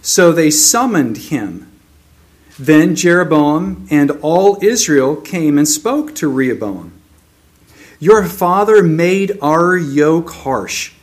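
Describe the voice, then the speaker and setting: A man delivers a sermon at an unhurried pace. His voice rises and falls with a lot of movement in pitch as he reads scripture and explains it. He sits somewhat high for a man. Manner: slow, measured reading with lively emphasis. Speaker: preacher.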